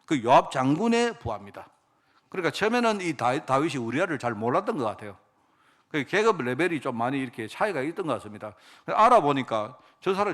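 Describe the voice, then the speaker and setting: A man preaching a sermon, telling the story with lively acted-out voices and rhetorical questions. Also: mid-range voice. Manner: animated storytelling, acts out characters, rhetorical questions. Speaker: pastor.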